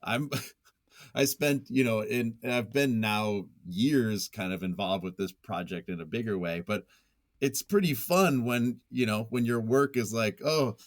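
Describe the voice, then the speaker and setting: A man of medium pitch, speaking a little slowly, is interviewed as a writer and journalist and keeps it casual, goofy and self-deprecating, chuckling often. The sound is dry and clean, straight from a studio.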